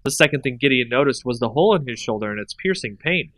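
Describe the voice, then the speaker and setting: Expressive male reader, dramatic narration, dry close mic. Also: medium pitch, fast talker, no echo, low-quality recording. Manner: expressive and animated. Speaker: channel host reading a story. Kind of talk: dramatic fantasy story reading.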